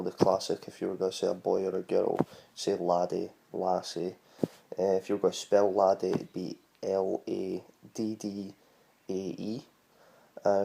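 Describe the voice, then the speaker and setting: A man's voice: fairly low pitch, creaky, mellow. A man with a Scottish accent explaining words in a casual home tutorial, rambling and hesitant with many ums and restarts. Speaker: vlogger teaching words.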